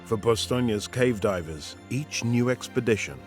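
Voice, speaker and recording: A man's voice: medium pitch, expressive, moderate pace. A man reading scripted narration for a nature and science documentary. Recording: music under the voice. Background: prominent background music.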